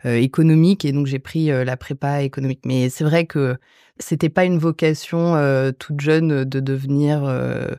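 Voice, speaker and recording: A woman's voice: sits low, fairly even intonation, warm tone, no echo. Hesitant woman, dry close sound. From Paris region, France. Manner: hesitant, many filler pauses. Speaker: guest investor. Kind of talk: podcast interview.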